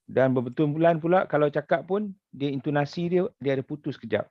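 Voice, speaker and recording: A man's voice: a little high, brisk, no echo, lo-fi sound. A man with a Malaysian accent teaching an Arabic grammar lesson as a religious teacher, patiently explaining with repeated examples.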